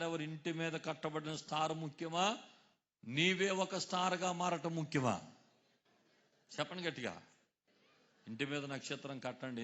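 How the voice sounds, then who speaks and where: A man preaching a sermon, calling on his congregation to answer aloud, dropping low and then rising to loud exhortation. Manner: calls on the congregation to answer loudly, swings between hushed and shouted. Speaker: pastor.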